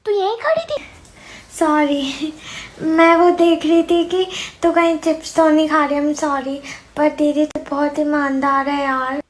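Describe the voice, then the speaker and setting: A woman's voice: high voice, unhurried, background noise. A woman in a comedy sketch, pleading and bickering playfully.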